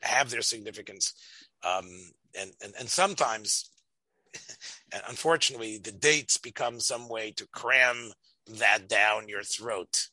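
Emphatic man with bright. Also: fairly low pitch, dry recording, poor audio. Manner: argumentative, emphatic, halting with repeated words. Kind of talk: religious debate, conversational.

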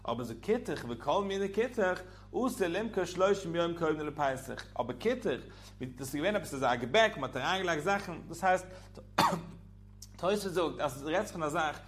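Man, high-pitched voice, religious teacher, sing-song lesson cadence. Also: animated, normal speed, a bit bright.

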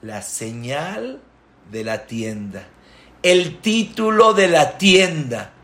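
Male rabbi-teacher, slow and deliberate, emphatic repetition, sermon storytelling. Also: on the high side, sing-song, a bit bright. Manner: emphatic, repeats key words with rising stress. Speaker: rabbi teaching a Torah class.

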